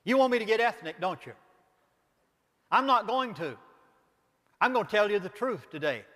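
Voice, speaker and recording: A man's voice: high voice, very animated, normal speed, pushed and bright, in a large hall. An older man with a Southern accent, a pastor giving an impassioned lecture, emphatic and pleading, asking rhetorical questions.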